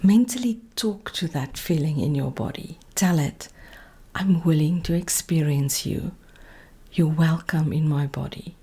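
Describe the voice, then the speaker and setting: This woman leads a meditation, speaking low and unhurried. Her delivery is soft and breathy, frequently nearing a whisper, as she calmly and gently tells the listener what to do.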